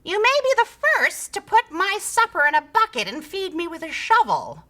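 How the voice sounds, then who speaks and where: Storybook creature, small and female, bossy and cackling, played by a woman; high, sharp, swooping sing-song. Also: wildly swooping pitch, normal speed, exaggerated voice. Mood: bossy, gloating.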